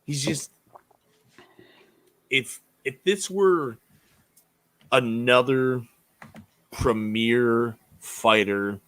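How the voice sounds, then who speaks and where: A man's voice: medium pitch, a bit bright, no room sound. A man co-hosting a casual sports podcast over a video call, blunt and profane as he teases the others. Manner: slow, blunt, profane, teasing. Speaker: podcast co-host.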